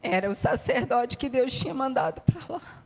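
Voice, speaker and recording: A woman's voice: a little high, expressive, moderate pace, a little mellow, in a large hall. A woman pastor giving a heartfelt sermon, telling her own story with frequent asides to the congregation. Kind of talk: sermon with personal testimony. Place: church hall.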